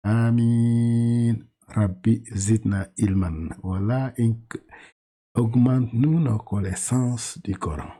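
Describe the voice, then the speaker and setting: A middle-aged man whose first language is not French, teaching Quran reading in a chatty, informal way, laughing often and drawing out syllables in slow drills. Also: mid-range voice, steady tone, mellow.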